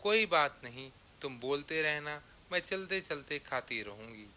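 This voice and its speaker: A man's voice: a little high, expressive, unhurried, pushed and bright, a little hiss or hum, exaggerated voice. A man voicing a greedy, good-natured female goat who loves food in a children's story. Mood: cheerful. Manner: easygoing and food-loving.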